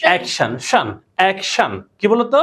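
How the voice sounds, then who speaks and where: A woman's voice: medium pitch, very animated, normal speed, fairly bright tone, slightly rough. A woman teaching pronunciation in class, drilling her students with repeated questions and call-and-response. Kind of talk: classroom lesson.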